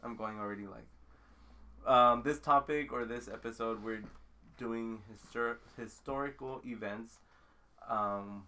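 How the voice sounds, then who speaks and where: A man's voice: medium pitch, a little slow, sharp tone. A man in his twenties hosting a casual podcast chat, rambling with many fillers and frequent laughs while drinking. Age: 20s. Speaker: podcast host.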